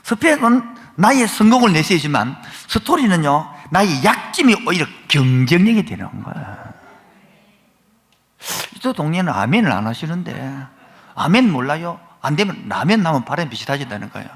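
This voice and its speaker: A man's voice: a little high, moderate pace. A male pastor with a Gyeongsang accent, preaching a sermon and often putting questions to the congregation. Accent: Gyeongsang Korean. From Gyeongsang province, Korea. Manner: animated preaching, asks the crowd questions. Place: church sanctuary. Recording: long reverb of a church hall.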